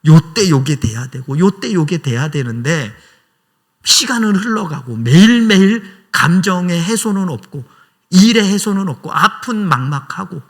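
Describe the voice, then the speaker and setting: A male pastor preaching a conversational, emotional sermon in a small church, acting out prayers aloud. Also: high-pitched.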